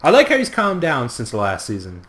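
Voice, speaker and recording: A man's voice: mid-range voice, huge pitch swings, brisk, a bit bright. A man swearing and joking while recapping a TV episode with friends. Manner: swearing, jokey, acts out characters. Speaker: podcast co-host. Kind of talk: casual TV recap chat.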